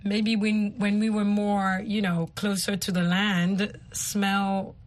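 A woman's voice: mid-range voice, little pitch movement, takes it slowly. A woman hosting an English lesson in a conversational teaching style, explaining with simple spoken examples. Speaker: host of an English lesson show.

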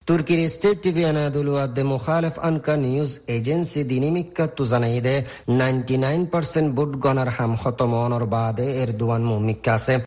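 A man's voice: medium pitch, steady tone, a little fast, a little mellow. A man reading scripted radio news in a formal newsreader's style. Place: radio studio.

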